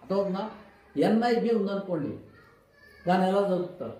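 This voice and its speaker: Guy teaching phonics, mellow voice, asks a question then answers it himself, super echoey room. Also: high-pitched, lively intonation, brisk. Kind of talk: classroom-style phonics lesson.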